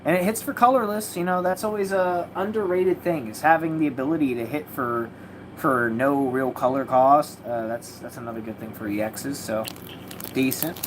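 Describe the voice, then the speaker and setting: Opening trading card packs on a livestream, a woman with a bass voice talks casually in a steady tone at a moderate pace. Her chatter is rambling, slangy, and full of swearing, and she's in a room at home with a mattress leaning on the wall while a party faintly sounds next door.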